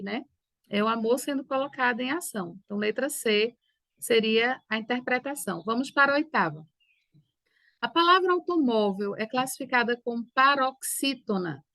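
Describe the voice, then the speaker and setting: A woman teaches in a review lesson, her voice sitting a bit high. She explains step by step and keeps checking that her students follow. The sound is dry and close, with no room around it. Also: a bit bright, no room sound. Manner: didactic, checks in with "né?" and "tá certo?". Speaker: Portuguese teacher.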